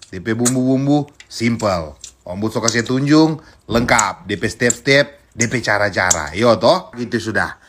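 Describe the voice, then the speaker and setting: A man's voice: mid-range voice, animated, a little slow, a bit bright, a little hiss or hum. A man with a Manado Malay accent from North Sulawesi, chatting casually and playfully to viewers as a food vlog host, talking while chewing. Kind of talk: casual mukbang chat to viewers.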